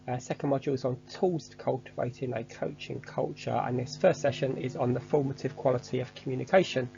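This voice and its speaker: Gravelly man giving a lesson. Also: medium pitch, fairly even intonation, dark tone, muffled recording, a little hiss or hum. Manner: measured, structured delivery. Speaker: course instructor. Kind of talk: scripted online lesson.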